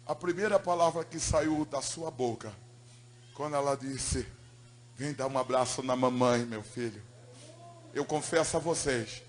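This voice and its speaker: A man giving an emotional preaching testimony, telling his story dramatically and moving between loud swells and hushed tones. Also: on the high side.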